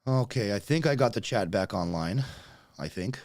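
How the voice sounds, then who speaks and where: A slightly Russian-accented man in his late thirties, a native Russian speaker born in Russia, hosts a YouTube livestream, chatting with viewers as he solves technical hiccups. His lowish, darkish voice has lively intonation and some vocal fry at a normal speed, and the recording is dry and studio-clean.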